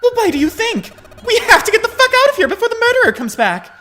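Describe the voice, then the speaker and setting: A man voicing a panicked, bossy young woman in a game reading, talking in a shrill, frantic way. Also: wildly swooping pitch, fast talker, pushed and bright, faint music behind, full character voice.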